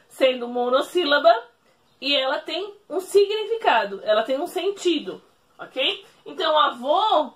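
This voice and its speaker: A woman teacher explaining a lesson at a whiteboard, speaking slowly, repeating each rule and checking in with the class. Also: high-pitched, a bit bright. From Brazil. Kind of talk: recorded remote classroom lesson.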